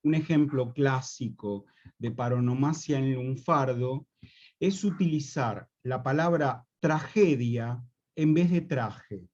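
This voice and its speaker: A man in his fifties with a Rioplatense Spanish accent, giving a slow, explanatory university lecture on slang and repeating his key points for students. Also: mid-range voice, darkish tone, dull audio.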